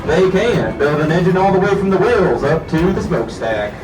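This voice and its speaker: Male train conductor, upbeat and folksy, heard through an echoing outdoor loudspeaker from far off. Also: high-pitched, animated, normal speed, heavy background noise. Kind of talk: tour announcements to passengers. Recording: echoey loudspeaker heard from far off, music behind.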